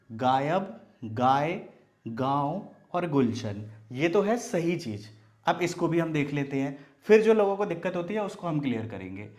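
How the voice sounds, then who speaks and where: Young male tutor, slightly high voice, patient question-and-answer drilling. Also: darkish tone. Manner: drills words slowly, asks and answers his own questions. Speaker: Hindi teacher. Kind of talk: classroom-style lesson.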